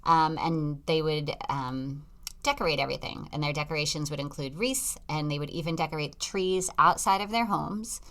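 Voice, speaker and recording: Woman, Boston accent, low voice, casual podcast co-host, laughs often. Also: moderate pace, a bit bright. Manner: chatty, laughs often, stumbles over words. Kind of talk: casual chat.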